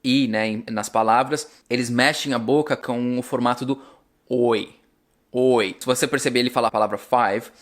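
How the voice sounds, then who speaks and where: A man with a Brazilian Portuguese accent, chatting casually as a vlogger and repeating sample words slowly to explain them. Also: mid-range voice, fairly even intonation, a bit bright. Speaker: vlogger teaching English.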